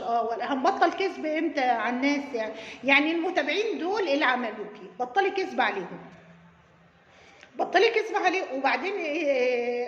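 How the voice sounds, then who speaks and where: A woman's voice: high-pitched, echoey room, long reverb tail, lo-fi sound, a little hiss or hum. A woman with an Egyptian Arabic accent giving mocking commentary on a viral video, sarcastic and scolding, laughing as she talks. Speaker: YouTube commentator.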